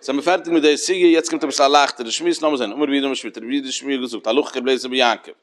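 A man's voice: mid-range voice, steady tone, racing. A man teaching a Talmud lesson in a sing-song study cadence with many fillers.

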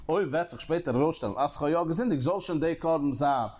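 A man's voice: a little high, fairly quick, a little mellow. Guy teaching talmud, walks through it step by step, voice jumps way up on the key bits. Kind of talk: Talmud study lecture.

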